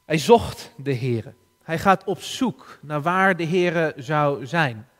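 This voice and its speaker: Guy preaching slow n earnest, kinda high voice, big echoey church hall. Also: animated, fairly bright tone. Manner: slow, earnest, with frequent restarts and emphatic rises. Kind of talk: sermon. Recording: long hall reverb.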